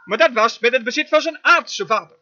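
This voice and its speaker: A man's voice: very high-pitched, brisk, sharp tone, highs cut off. A man giving a sermon as a dubbed voice-over, emphatic and full of amens. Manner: emphatic preaching, frequent amens. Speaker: sermon interpreter.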